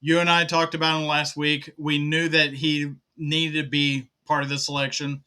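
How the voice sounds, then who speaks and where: Male sports co-host, high, brilliant tone; excited, number-packed casual analysis. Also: normal speed, clear, resonant tone. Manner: enthusiastic, stat-heavy analysis. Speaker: podcast co-host.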